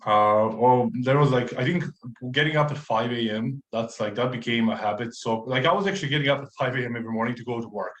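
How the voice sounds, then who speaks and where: A man from Croatia in his thirties, a podcast guest telling his story in relaxed, casual conversation full of fillers and restarts. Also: mid-range voice, fast talker. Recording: roomy echo.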